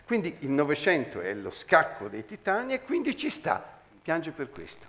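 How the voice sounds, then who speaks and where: Man, animated onstage storyteller, very lively pitch. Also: normal speed. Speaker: storyteller, performer. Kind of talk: lively anecdote telling on stage.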